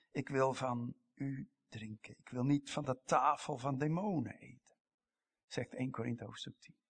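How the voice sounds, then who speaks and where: A man delivering a sermon in a slow, deliberate way. His voice is bright and slightly husky, pitched a little high. He swings between emphatic loud lines and hushed whispers. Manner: emphatic, rising to loud passages and dropping to whispers. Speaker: pastor.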